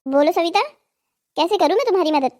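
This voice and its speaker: A woman's voice: very high voice, fast talker, mellow. A woman voicing a rich, self-assured village man in a cartoon drama, polite but firm.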